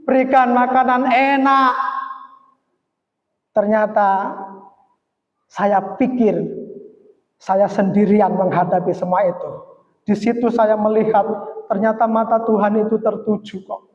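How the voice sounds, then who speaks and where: A woman's voice: mid-range voice, warm tone. A middle-aged woman giving a heartfelt testimony to a church congregation, telling her story earnestly. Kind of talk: testimony sermon. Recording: echoey hall, dull lo-fi sound.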